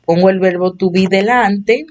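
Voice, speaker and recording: A woman teaching beginner English at an unhurried, deliberate pace, her first language Spanish. She explains patiently and repeats each example so her students can follow. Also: medium pitch, a little mellow, dull audio. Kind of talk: slow explanatory online lesson.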